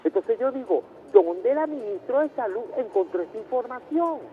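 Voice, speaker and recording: A very high-voiced man from Caracas, Venezuela, calls in to a radio show for a phone-in debate, speaking at normal speed with lively intonation. He insists on his point and keeps cutting back in. The telephone line is tinny with faint noise, and faint music plays behind him.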